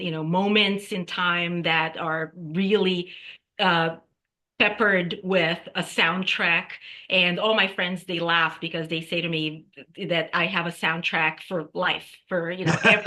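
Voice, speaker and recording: A singer-songwriter woman from Brazil talks about her path in music. Her voice is bright and a little low, and she thinks aloud with fillers, tagging her points with "right?". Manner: reflective, halting with fillers, frequent "right?". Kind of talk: casual interview talk.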